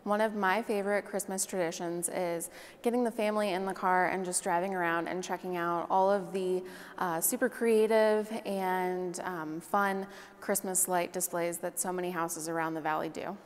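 A woman's voice: on the low side, steady tone, normal speed. A young woman, a marketing assistant, giving a friendly holiday greeting with a few fillers in a large indoor hall on a lapel mic. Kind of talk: casual holiday greeting to camera. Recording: reverberant hall with faint hiss.

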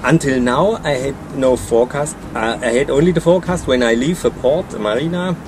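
Older sailor, halting. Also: male voice, medium pitch, noisy background. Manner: halting, simple phrasing. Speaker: interviewed sailor. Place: on deck of a boat, outdoors.

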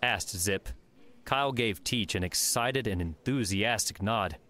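A man narrating an audiobook in steady, even storytelling. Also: on the low side, measured pace. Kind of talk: scripted narration.

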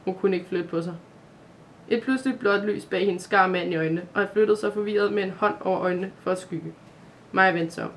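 A reader narrating a dramatic fantasy Christmas calendar story for children, in a steady, scripted storytelling voice. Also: mid-range voice, a little hiss or hum.

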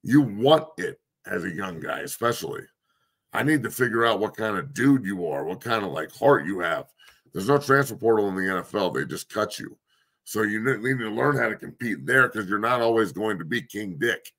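A man's voice: on the low side, expressive, normal speed, vocal fry, a bit bright. A man hosting a sports talk show, breaking down football schemes in a blunt, profane, coach-like way while losing his voice.

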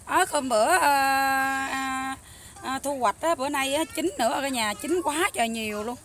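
A young woman with a Southern Vietnamese Mekong Delta accent, chatting loudly and eagerly to viewers while she cooks in a rural hut kitchen. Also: high-pitched, moderate pace. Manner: loud, chatty, enthusiastic, talks over noisy kids. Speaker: cooking vlogger. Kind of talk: casual cooking vlog chat.

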